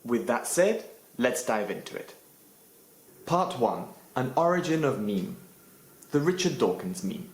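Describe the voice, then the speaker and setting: A man's voice: medium pitch, very animated, a little slow, pauses often, reverberant, rough recording. A man hosting a scripted English lesson for Spanish speakers, narrating with playful asides. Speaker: English teacher and channel host.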